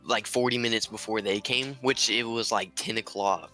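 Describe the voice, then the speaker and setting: A young man in casual podcast chat, chiming in excitedly and swearing as he backs up a friend's story. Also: lowish voice, normal speed, soft background music. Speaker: podcast co-host.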